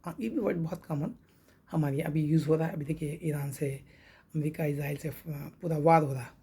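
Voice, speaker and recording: A man teaching English pronunciation, repeating each word slowly and spelling letters out. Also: on the high side, mellow. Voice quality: gravelly, husky. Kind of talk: pronunciation lesson.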